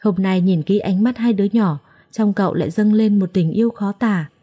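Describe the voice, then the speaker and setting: A woman, narrating a scripted story in a gentle, measured way. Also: mid-range voice, breathy edge.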